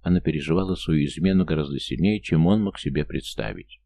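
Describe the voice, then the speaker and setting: A man reading a novel aloud as narrator in steady, measured storytelling. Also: a bass voice, no room sound. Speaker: audiobook narrator. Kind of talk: scripted narration.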